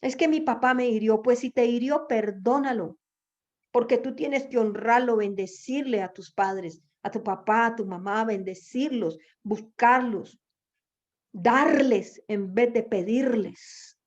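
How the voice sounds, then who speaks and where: A woman's voice: a little high, takes it slowly. A woman preaching a sermon, exhorting her listeners with rhetorical questions and repeated phrases. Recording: dull lo-fi recording.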